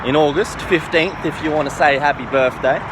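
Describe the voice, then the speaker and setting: A man nearing thirty, 29 now, calls himself a health and philosophy educator and rattles off his views in a slightly high, slightly fast voice over a noisy background. Insistent and confident, he circles back to the same points and looks for agreement with "okay" and "right."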